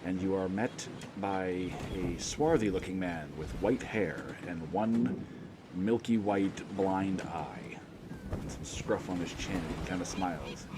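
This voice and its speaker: Deep-voiced man running a tabletop game. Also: takes it slowly, background noise. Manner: loose, rambling narration with fillers and restarts. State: coughing. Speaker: game master.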